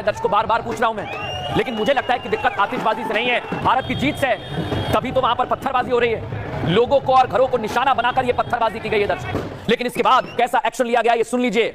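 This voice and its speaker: A man's voice: sits high, background noise. A male news anchor delivering emphatic, dramatic commentary full of rhetorical questions to viewers.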